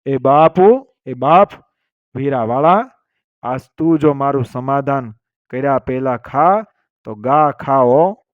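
A man's voice: fairly high pitch, a little slow, no echo, lightly acted. Man doing a proud clansman, anguished, pleading, dull dry lo-fi sound. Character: Bhayo Mer, a proud clansman torn by conscience.

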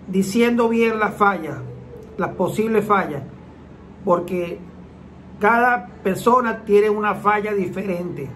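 A transmission mechanic hosts his channel, explaining engine faults to viewers in plain, repetitive casual talk and acting out engine sounds. His voice is high-pitched and fairly bright, and the poor audio has slight background noise.

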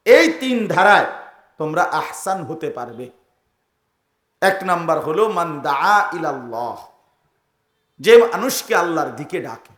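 A man delivers a sermon, with a high voice and a slow, deliberate pace. He stacks short phrases into rhythmic, emphatic lists. The recording carries a strong echo. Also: a bit bright. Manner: emphatic, rhythmic lists with rising and falling calls. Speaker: preacher. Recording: echoey venue sound.

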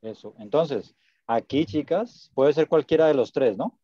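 A man's voice: on the high side, unhurried, dry recording, lo-fi sound. A man teaching an online Spanish class, patient and encouraging, repeating words so students can drill them.

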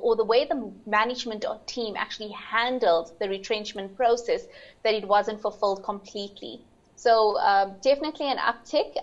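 A woman, answering as an insurance expert on a panel, articulate and businesslike. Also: medium pitch. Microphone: video call. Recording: slightly muffled video call audio.

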